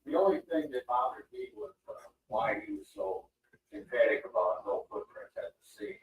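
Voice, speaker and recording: A man's voice: fairly low pitch, sing-song, normal speed, roomy sound, a little hiss or hum. A man's voice from a crime drama playing on a TV in another room, faint and muffled through the wall. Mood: measured. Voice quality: muffled and distant. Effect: TV dialogue heard from another room.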